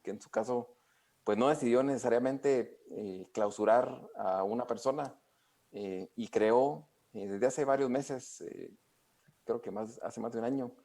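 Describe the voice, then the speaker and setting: A man's voice: fairly low pitch, a little mellow. A man answering interview questions, explaining at length with frequent hesitations and fillers. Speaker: expert guest.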